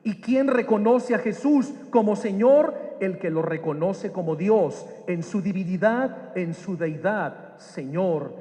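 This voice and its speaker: A male preacher tells a personal story and asks his listeners questions. His voice is high and his pace is slow. A long reverb trails after his words, as in a large hall. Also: lively intonation, dark tone. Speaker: preacher and Bible teacher. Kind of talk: storytelling sermon.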